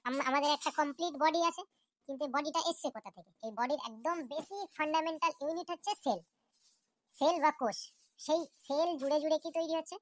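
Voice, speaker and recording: A woman's voice: high-pitched, a bit bright, no echo. A woman voicing a patient female teacher in a cartoon lesson, explaining step by step and often checking that the class understands.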